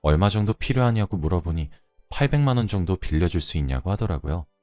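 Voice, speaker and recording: A man reading a first-person story aloud in a conversational, lively way. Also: low voice, fast talker, no echo, studio quality, faint music behind.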